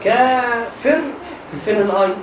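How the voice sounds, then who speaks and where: A man with a notably high voice and an Egyptian accent leads a religious law class, prodding students with questions he leaves hanging for them to finish. He sounds set back from the mic in a roomy, echoing space with a faint hiss underneath. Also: a little slow. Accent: Egyptian Arabic. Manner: quizzes students with prompting half-questions. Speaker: religious teacher. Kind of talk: classroom lesson on jurisprudence. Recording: echoey room, distant mic, faint hiss.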